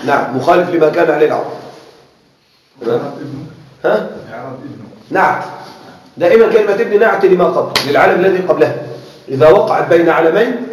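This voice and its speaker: A man teaching a class on Arabic rhetoric, often checking that his students follow and slowly repeating key words. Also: sits high, lively intonation. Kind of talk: classroom lecture. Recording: very echoey room, voice far from mic.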